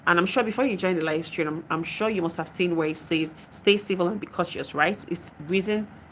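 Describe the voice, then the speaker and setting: A lowish, brisk female voice comes with a little hiss or hum. She's a young adult woman with a Nigerian accent, casually chatting on a live stream as she reads viewer comments aloud and answers them, often laughing.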